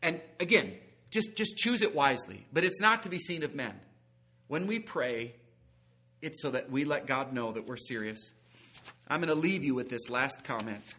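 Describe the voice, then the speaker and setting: A man's voice: mid-range voice, lively intonation, moderate pace, sharp tone. A man preaching a sermon in an earnest, folksy way, sometimes acting out quoted voices. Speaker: guest preacher.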